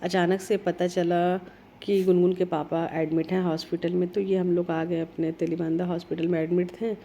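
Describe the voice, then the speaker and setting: Middle-aged woman vlogger, hoarse from a cold, dark flat voice, reflective rambling talk. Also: moderate pace, lo-fi sound, a little hiss or hum. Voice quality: heavy, low-sounding voice. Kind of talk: casual vlog talk.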